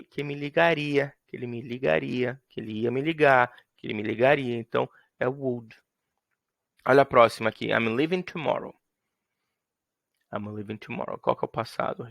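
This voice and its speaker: A man's voice: medium pitch, vocal fry, dry recording. A man teaching English grammar in a playful way, acting out little scenes to show his examples. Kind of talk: explaining grammar to students.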